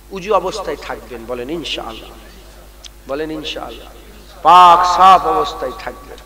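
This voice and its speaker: High-voiced preacher, echoing loudspeaker. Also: male voice. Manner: builds from calm teaching to loud chanted exhortation, calls on the crowd to respond. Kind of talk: sermon at a religious gathering. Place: large outdoor religious gathering. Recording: long reverb from a public address system, loud crowd.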